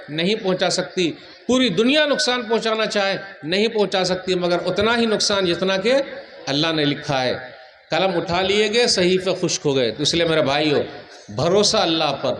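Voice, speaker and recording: High voiced guy preaching to a crowd, keeps asking them stuff and joking. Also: fairly bright tone. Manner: asks the crowd questions, jokes and teases; recites Arabic hadith quickly in a raised voice. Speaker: Islamic preacher. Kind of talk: Urdu sermon to a large gathering.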